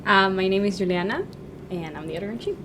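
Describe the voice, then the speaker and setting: A young woman from Peru, a student editor-in-chief, answering interview questions in a friendly, soft-spoken way with some uhs. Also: mid-range voice, fast, background noise. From Lima, Peru. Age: young adult.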